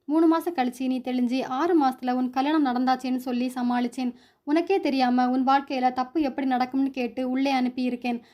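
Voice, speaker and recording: An anxious middle-aged mother who talks in a fretful, pleading way, as a woman storyteller voices her. The voice is high and mellow. It is a storybook reading. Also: fairly even intonation, fairly quick, lightly acted. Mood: explaining.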